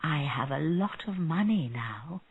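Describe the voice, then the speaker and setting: A woman voicing a hushed, thoughtful cake seller. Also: a little high, lively intonation, measured pace, husky, phone-quality sound, voice pushed down, heavily acted. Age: 50s. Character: modest middle-aged male cake seller.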